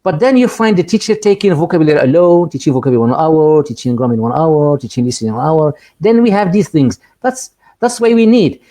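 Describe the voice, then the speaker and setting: A middle-aged Moroccan man with a mellow, darker tone speaks to teachers over a video call. He talks earnestly, stumbling and repeating words, then jumps up in pitch to stress key ideas. His Moroccan accent is clear throughout. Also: lively intonation, fast talker. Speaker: guest speaker, ELT supervisor. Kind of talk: webinar lecture and Q&A.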